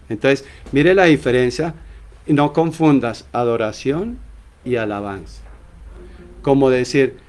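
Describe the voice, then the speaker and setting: A man preaching a sermon as pastor, asking the congregation rhetorical questions and acting out short quoted exchanges between church members. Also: on the high side.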